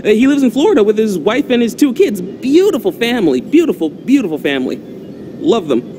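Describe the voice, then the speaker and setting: A man's voice: high-pitched, sing-song, brisk, mellow, slight background noise. An actor playing a nervous, eager-to-please male subordinate in a video game, stammering and rambling hesitantly. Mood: chatty, awkward. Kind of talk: video game character acting.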